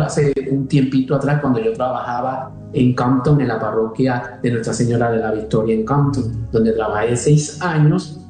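A man talks as a religious missionary, hesitating and restarting often. His voice is mellow and sits at a middling pitch. It sounds very echoey, with faint music underneath. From Puerto Rico. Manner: hesitant, many restarts and fillers. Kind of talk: conversational interview.

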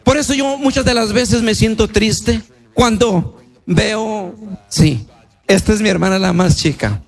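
A male priest with a strikingly high, creaky voice shares a personal testimony at an unhurried pace. His words are plain, colloquial and devout, and he often repeats a phrase for emphasis. Soft music plays in the background.

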